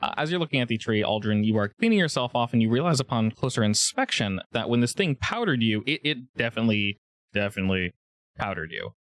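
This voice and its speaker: A man's voice: mid-range voice, fast, dry recording. A man narrating a tabletop game as its game master. His voice swings up and down with lots of life, and the sound is dry and close. He laughs easily as he describes what the players find. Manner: animated, laughs often.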